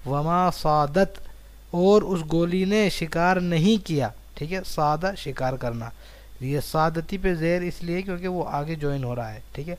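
A man from India talks through an Arabic reading lesson in Urdu, with a voice sitting a little high for a man. He says each Arabic word slowly and deliberately, then glosses it and repeats it. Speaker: Arabic teacher.

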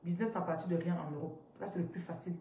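A woman in her thirties, a spiritual business coach, teaching on a live stream in an animated, interactive way and reading out viewers' comments from a chair indoors. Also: on the low side, racing. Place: indoors, seated on a large ornate chair. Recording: roomy echo, somewhat distant from mic, faint noise.

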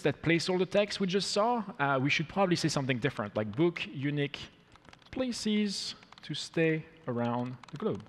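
A man in his thirties talks an audience through a live coding demo, upbeat and step by step. His voice sits a little high. The sound carries the long reverb of a big conference hall. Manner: upbeat, walks through steps as he goes. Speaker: product demo presenter. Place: large conference hall, on stage.

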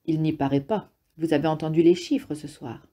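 A woman's voice: sits low, fairly even intonation, normal speed, dark tone. A woman voicing a nervous, defensive middle-aged man in an audiobook reading, agitated and blustering, sometimes pleading.

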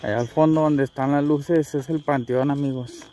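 Mexican guy doing a casual night vlog outside, medium pitch, crickets behind him. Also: fairly even intonation, normal speed, mellow. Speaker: vlog host. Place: outdoors at night in the countryside and a cemetery. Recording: noisy outdoor night recording with insects. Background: crickets and night ambience.

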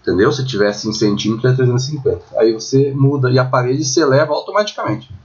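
Brazilian guy doing a chatty software tutorial, keeps asking if you got it, muffled lo-fi screen recording sound. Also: mid-range voice, quick pace. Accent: Brazilian Portuguese. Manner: chatty, checks in with the viewer constantly. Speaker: architecture software instructor.

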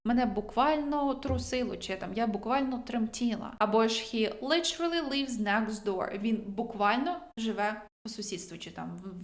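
Chatty Ukrainian woman teaching English. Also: on the high side. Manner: chatty, self-deprecating, reads English examples slowly. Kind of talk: vocabulary lesson.

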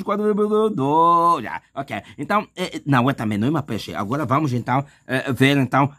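A man's voice: on the high side, fairly bright tone. A male math teacher talking viewers through an exam step by step, chatty and repetitive, calling the listener brother. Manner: chatty, addresses viewer as "meu irmão"; repetitive, thinks aloud with fillers. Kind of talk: math lesson walkthrough.

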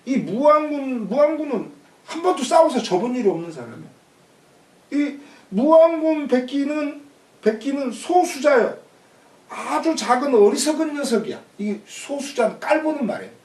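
Lively high-voiced man teaching a classical text. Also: normal speed. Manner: glosses each phrase, then restates it in plain everyday speech. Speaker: teacher of classical Chinese texts. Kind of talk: explaining a classical text line by line. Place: room in a rural community shelter. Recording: echoey room, mic far off.

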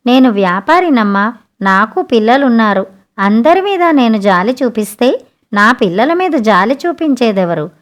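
A woman's voice: a little high, very animated, moderate pace. Woman reading a greedy merchant. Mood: dismissive. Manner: pleading and wailing in turns. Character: greedy scheming male merchant. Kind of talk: storybook narration.

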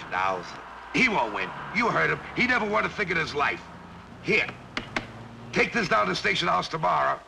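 An actor playing a good-natured, bumbling police officer, eager and excitable. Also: male voice, fairly high pitch, normal speed, creaky, heavily acted. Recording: hissy old TV soundtrack.

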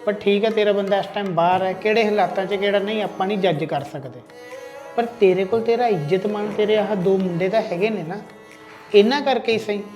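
A man's voice: high-pitched, a little fast, darkish tone, faint music behind, close to an everyday voice. A man playing a loyal, protective younger brother-in-law in a family drama, earnest and lecturing. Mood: earnest, advising. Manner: earnest, lecturing, threatening when angered.

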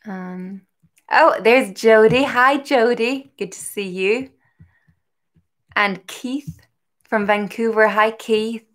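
A woman gives a relaxed, encouraging harp lesson over a live stream. She explains technique patiently and reads out viewer questions as they come in. Harp playing is heard behind her voice. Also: fairly high pitch, slow pace, pauses often. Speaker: harp teacher.

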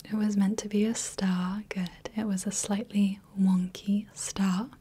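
A woman voicing a gentle female clinician in a whispered role-play, softly reassuring as she runs light tests. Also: mid-range voice, level tone, breathy edge. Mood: soothing. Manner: soft, slow, reassuring, checks in often. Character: gentle female clinician testing the viewer's eyes. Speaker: ASMR creator playing a clinician running light tests.

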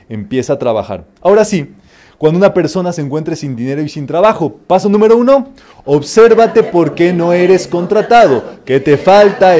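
Mellow man teaching metaphysics. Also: a little high. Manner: lively storytelling, rising emphatically on numbered steps. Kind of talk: spiritual teaching talk.

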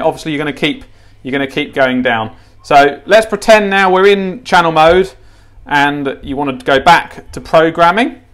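The man's voice is fairly high and fairly bright. He presents a gadget tutorial indoors at a tiled kitchen counter, keeping it informal and unscripted while he repeats himself and thinks aloud through each step.

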